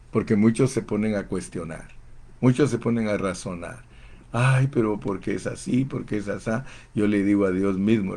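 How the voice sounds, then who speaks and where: A man preaching a sermon in a slow, emphatic, fervent way, often calling his listeners brother. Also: on the low side, warm tone. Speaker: pastor.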